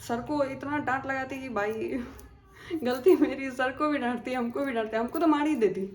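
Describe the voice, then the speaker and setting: A woman's voice: high voice, fairly even intonation, normal speed. Chatty young woman telling a spooky story. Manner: chatty, dramatic, acts out quoted dialogue. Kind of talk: casual horror storytime. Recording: echoey room with faint ambience.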